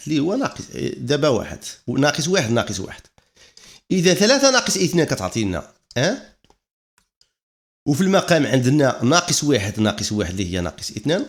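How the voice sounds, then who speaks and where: A man with a Moroccan accent teaching a math lesson step by step, dropping French math terms into his explanation. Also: medium pitch.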